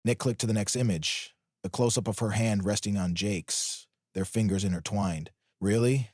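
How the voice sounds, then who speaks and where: Male story narrator, steady scripted delivery, lowish voice, dry close recording. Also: moderate pace, breathy edge, dry recording.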